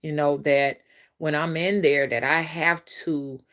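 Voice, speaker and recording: A woman with a low-pitched but fairly bright voice keeps a steady tone and a measured pace. Hosting a relaxed spiritual live stream on her phone, she rambles repetitively, addressing viewers head-on and reading their comments.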